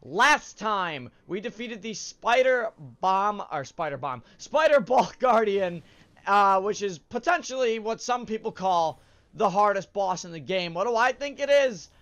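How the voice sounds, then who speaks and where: Speaking a little slowly, this host's voice sits high and fairly bright and is quite expressive. He's congested from a cold and chats his way through a let's play, rambling with frequent uhs and corrections of himself.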